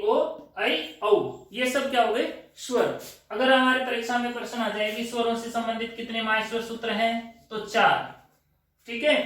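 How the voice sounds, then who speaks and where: Slow high-voiced male grammar teacher. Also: a bit bright, very echoey, distant mic. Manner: slow, repetitive drilling with questions and answers. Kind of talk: classroom grammar lesson.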